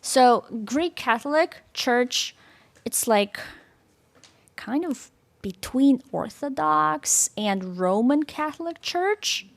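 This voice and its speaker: A woman's voice: high-pitched, animated, slow pace, creaky. A woman from Ukraine with a Ukrainian accent, giving an informal talk to an audience, hesitant and searching for words. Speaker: guest speaker. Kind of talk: informal presentation with audience quiz.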